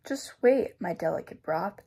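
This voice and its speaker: A woman's voice: lowish voice, lively intonation, normal speed, vocal fry, dark tone, breathy edge, heavily acted. A woman voicing a proud, fussy male duck chef who talks theatrically with mock Italian flourishes. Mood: eager.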